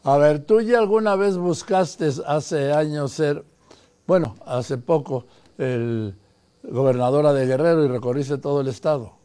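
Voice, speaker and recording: A male news host interviews a politician. His tone is mellow and warm, and his questions are direct and pointed. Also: a little high, measured pace, clean tone.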